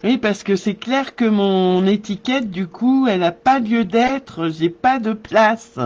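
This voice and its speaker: Thinking aloud slowly as he crafts, a man runs a live tutorial on making cards and replies to viewers' questions. His voice sits high, and the recording's highs are cut off.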